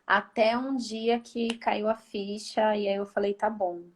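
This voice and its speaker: A woman's voice: mid-range voice, flat delivery, a little slow. A woman in her thirties with a Brazilian Portuguese accent, a therapist telling her story in casual chat with lots of fillers, over a video call. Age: 30s. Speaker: guest therapist.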